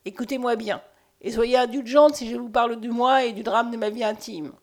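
A woman's voice: on the high side, fairly even intonation, fairly quick, lightly acted. An impassioned man haunted by his lost past, read by a woman. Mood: pleading. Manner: earnest, impassioned. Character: haunted man with lost memory, pleading and intense.

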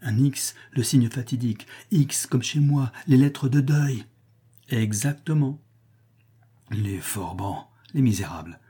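A man reading the part of an indignant gentleman chevalier, given to outraged exclamations. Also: medium pitch, slow, breathy edge.

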